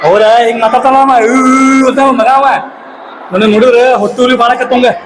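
A young man with a North Karnataka accent, acting a husband in a comedy sketch, loud and excitable, often shouting. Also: very high-pitched, brisk, echoey room, background noise. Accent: North Karnataka Kannada.

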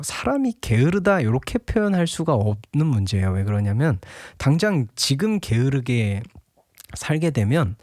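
A man's voice: medium pitch, darkish tone, no echo, studio quality. A young man giving a casual devotional Bible talk, chatty and laughing often, at times acting out a scolding father.

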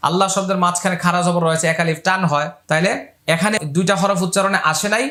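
A man teaching Quran reading step by step. He spells out each letter and vowel, then chants the whole word slowly. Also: high-pitched, steady tone, bright, forceful tone. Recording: echoey room.

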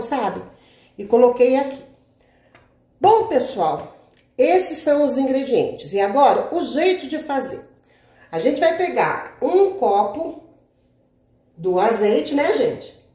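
Fairly high in pitch but dark in tone, this Brazilian woman hosts a casual home cooking tutorial for her cooking channel. She constantly asks "tá?" and calls her viewers "gente," checking in with them every few words. The camera mic catches her from off-camera, and her indoor home kitchen sounds echoey.

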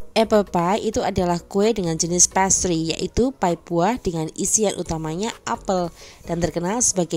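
A woman with an Indonesian accent and a lowish, darkish voice delivers an upbeat, scripted food vlog voice-over, listing menu items and their prices.

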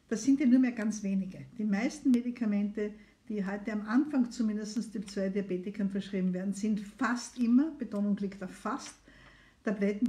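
Her voice sits in the mid-range with a mellow quality. This middle-aged female doctor runs a live phone-in consultation stream, chatting casually and encouraging the audience to call.

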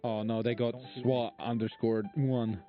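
A man's voice: mid-range voice, flat delivery, measured pace, voice pushed down, natural voice. A man playing Michael, a cocky, foul-mouthed middle-aged criminal dad, in improvised comic game roleplay. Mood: excited. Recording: muffled game voice chat, music behind.

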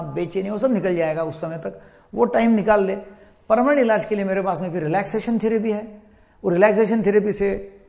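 A man's voice: high voice, creaky, darkish tone. A man in his fifties from India, a psychiatrist giving a plain, instructive talk that repeats phrases for emphasis. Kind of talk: explanatory health talk to camera.

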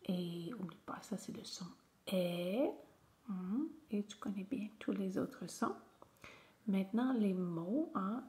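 A woman's voice: medium pitch, darkish tone. A woman teacher, patiently guiding young children through a reading lesson and repeating each word several times.

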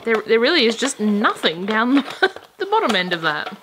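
A woman's voice: a little high, very animated, moderate pace, noisy background. A woman co-hosting a casual toy unboxing, laughing often while she explains the instructions step by step. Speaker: toy review co-host.

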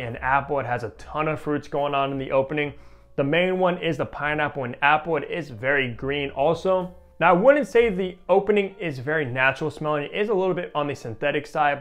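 A young man in his twenties casually reviewing a fragrance, animated and enthusiastic, with a lot of "like" fillers, on a clip-on mic. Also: on the high side. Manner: animated and enthusiastic, many "like" fillers, gestures with a test strip. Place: room with shelves of perfume bottles. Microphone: small clip-on mic on shirt.

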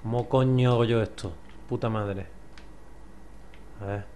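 A young man with an accent from Spain, commentating a puzzle game as he plays, muttering, swearing and now and then yelling in frustration. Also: on the low side, steady tone, unhurried, a little hiss or hum. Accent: Spanish from Spain. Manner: swears a lot, mutters to himself, bursts into frustrated yells. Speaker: gameplay commentator. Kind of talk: let's play commentary.

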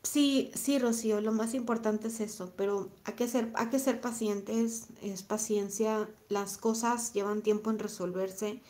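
A woman with a Mexican accent, in her thirties, talking on a live stream and answering chat comments in a reflective, soft-spoken way, often repeating her phrases. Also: medium pitch, steady tone, measured pace, hardly any pauses. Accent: Mexican Spanish. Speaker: vlogger reading live chat.

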